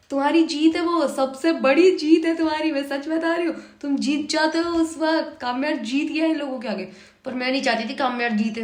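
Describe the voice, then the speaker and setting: Young woman, high-pitched, lively drama-reaction host, recorded in an echoey room. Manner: animated, exasperated, talks back to the screen. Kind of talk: casual reaction commentary.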